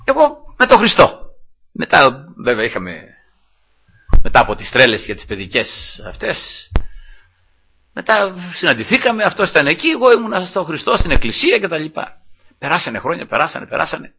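A fervent man from Greece preaches a sermon with a husky, bright voice. His pitch leaps widely as he drops to quiet asides and then rises to loud exclamations. He keeps returning to the same stock phrases of praise and calls his listeners brethren. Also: sing-song, lo-fi sound. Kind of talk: evangelical sermon.

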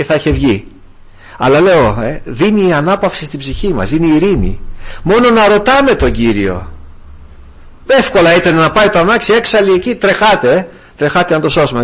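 A man's voice: a little high, breathy edge. An older man preaching a sermon with fervor, calling his listeners brothers. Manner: fervent, addresses listeners as brothers.

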